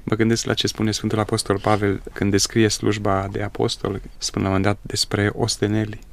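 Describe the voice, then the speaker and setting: A male host conducting a religious interview in a measured, reflective, preacherly way. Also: on the low side, completely flat delivery, creaky.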